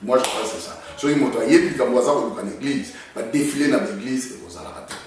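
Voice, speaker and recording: A man with a Congolese accent, a pastor answering an interviewer in a measured, reassuring way. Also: mid-range voice, expressive, recorded from a distance, slight background noise. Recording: echoey, mic held off.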